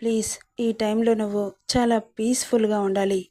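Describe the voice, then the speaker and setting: A woman's voice: on the high side, flat delivery, fairly quick, dark tone, natural voice. A woman voicing a remorseful young man. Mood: pleading.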